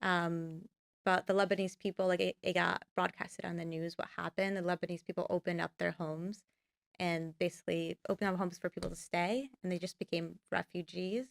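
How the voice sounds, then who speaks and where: Speaking brisk and steady in a lowish voice with vocal fry, a young woman from the United States rambles casually, full of fillers, as a filmmaker guest on a podcast. The interview takes place in a podcast studio, and the recording is dry.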